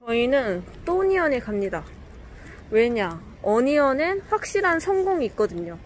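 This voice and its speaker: A woman's voice: sits high, big pitch swings, normal speed. A young woman vlogger chatting casually and laughing easily while speaking through a face mask. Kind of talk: casual vlog chat. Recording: noisy street recording.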